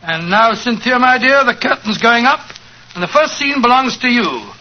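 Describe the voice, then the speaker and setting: Doctor Watson, high-voiced avuncular old Englishman. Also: big pitch swings, moderate pace. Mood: avuncular, storytelling. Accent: British. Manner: fussy, courtly, repeating himself. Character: genial, avuncular elderly English doctor telling stories. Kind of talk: 1940s radio drama acting. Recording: muffled, noisy 1940s radio recording.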